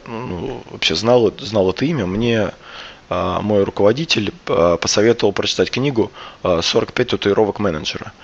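Gravelly, hoarse man hosting a podcast. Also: on the low side. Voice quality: gravelly, hoarse voice with throat clearing. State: hoarse from a cold. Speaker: podcast host. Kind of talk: casual podcast talk. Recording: dull, lo-fi sound.

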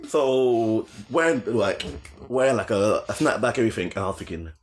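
A young man with a London roadman accent and a notably low voice. His pitch moves around a lot as he spins a casual, slangy anecdote, often repeating phrases to drive them home. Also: expressive, moderate pace. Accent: London, urban roadman.

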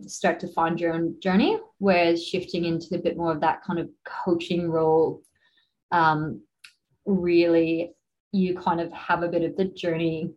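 A woman's voice: fairly low pitch, darkish tone, rough recording. Chatty American woman with frequent laughs. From United States. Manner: chatty, laughs often, many fillers. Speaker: guest, exercise physiologist. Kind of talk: casual interview chat.

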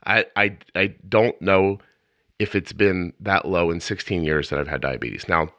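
A low-voiced man chats casually as a podcast host, rambling and restarting as he tells his story. His tone is bright and forceful, recorded dry with a dull, muffled edge. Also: normal speed, no echo. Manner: rambling, self-interrupting storyteller. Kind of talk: casual interview chat.

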